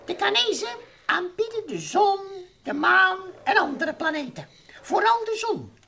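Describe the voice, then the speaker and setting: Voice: very high voice, big pitch swings, a little slow, gravelly, pushed and bright, heavily acted. A performer voicing Professor Kwartje, a haughty, mischievous little alien who chatters grandly in nonsense-peppered speech in a children's radio play. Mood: smugly explaining. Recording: old radio recording with faint noise.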